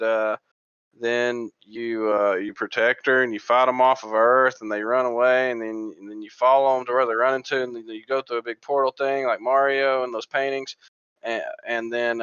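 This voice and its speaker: Guy doing a goofy rambling recap on a podcast, smooth voice, dry kinda muffled sound. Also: mid-range voice, fairly bright tone, no room sound. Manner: rambling, jokey plot summary with many fillers. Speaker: podcast co-host. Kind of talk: casual chat.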